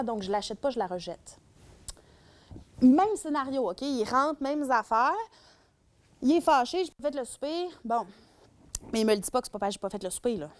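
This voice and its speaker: A woman with a Québécois accent giving a public talk about her work at a shelter. She lectures in an animated way and acts out everyday scenes. Her voice sits fairly high. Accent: Québécois French. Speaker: domestic violence shelter worker giving a talk.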